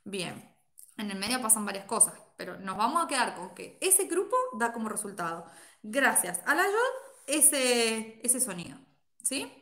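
A woman's voice: on the high side, sing-song, measured pace, bright, forceful tone, echoey room. A woman teacher giving a live class lecture, explaining step by step and checking in with her students with a frequent "right?".

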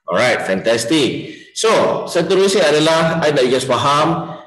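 Malaysian male sales coach, lively class leader, slightly high voice, echoey room. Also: unhurried. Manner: energetic, mixes English into Malay, quizzes participants by name.

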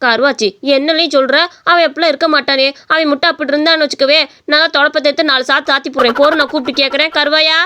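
Bossy cartoon granny, older, lowered voice, done by a woman, quick scolding. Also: fairly even intonation, pushed and bright, slight background noise. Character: scolding old village grandmother.

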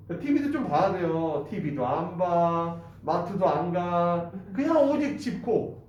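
A man's voice: sits high, darkish tone. A man giving a casual spoken English lesson, repeating and drilling phrases aloud. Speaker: English teacher. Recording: distant, roomy, dull and noisy.

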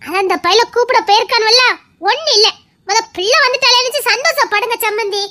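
A woman's voice: very high-pitched, fast, bright, forceful tone. A woman voicing a fretful, outspoken village mother-in-law, in a family drama. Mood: scolding.

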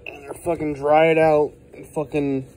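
A man records a casual handheld review at his desk. His voice sits a little high for a man and has a soft, mellow tone. He talks bluntly and profanely, sounding exasperated. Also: flat delivery, unhurried, a little hiss or hum. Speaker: product reviewer. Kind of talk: casual handheld video rant. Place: indoors at a desk. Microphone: handheld phone.

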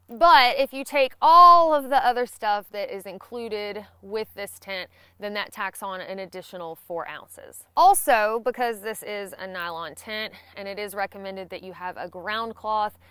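A woman's voice: medium pitch, a little slow, hardly any pauses, dry recording. A young woman with a Southern US accent, giving a scripted gear review to camera outdoors on a grassy lawn. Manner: clear, even, informative delivery.

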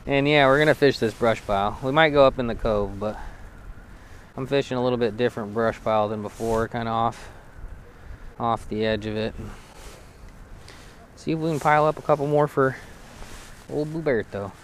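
A man's voice: medium pitch, moderate pace, long pauses, a little hiss or hum. A man hosting a fishing vlog outdoors on a frozen lake, talking in a laid-back, chatty, jokey way into a body-mounted camera. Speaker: fishing channel host. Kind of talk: casual outdoor vlog narration. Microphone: body-mounted action camera.

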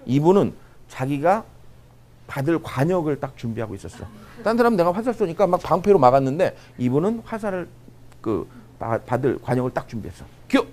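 A middle-aged man with a slightly high, brisk voice delivers a humorous lecture to a live audience. He jokes, stays animated, and keeps tossing out rhetorical questions.

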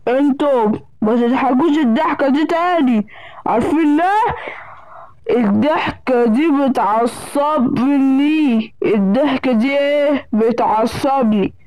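A woman's voice: high voice, a little slow, darkish tone, no echo, low-quality recording. A woman with an Egyptian accent voicing a wicked, threatening teacher in a children's cartoon. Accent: Egyptian Arabic. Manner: menacing, scolding. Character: wicked threatening schoolteacher villain.

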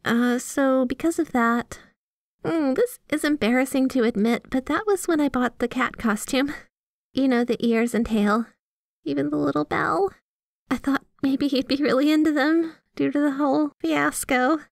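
In a scripted ASMR roleplay, a woman plays a sweet yandere girlfriend who is obsessively devoted, gushing to the listener with giggles, teasing and bashful asides, sounding embarrassed. Her high voice is creaky and moves at a moderate pace. The recording is dry and studio quality.

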